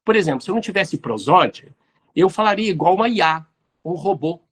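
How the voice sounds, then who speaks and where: A man's voice: high-pitched, expressive, quick pace, slightly rough. A man, hosting and answering listener questions in an explanatory talk on neuroscience and spirituality. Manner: didactic, addresses listeners directly.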